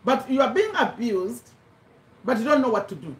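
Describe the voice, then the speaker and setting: Woman from Uganda, English as a second language, higher voice, animated speaker, roomy echo, a bit away from the mic. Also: moderate pace, far from the mic. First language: not English. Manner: animated, talks with her hands, repeats points for emphasis. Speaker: host of a live business talk. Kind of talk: casual motivational talk. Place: home room with a bookshelf, indoors. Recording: echoey room, voice a little off-mic.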